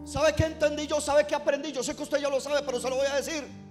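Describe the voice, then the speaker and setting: A man preaching a sermon in a strikingly high voice. He calls out to his congregation and has them repeat after him, drawing out key words for emphasis. Faint music plays behind him. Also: steady tone, quick pace. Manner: preaching with call-and-response to the congregation. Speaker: pastor.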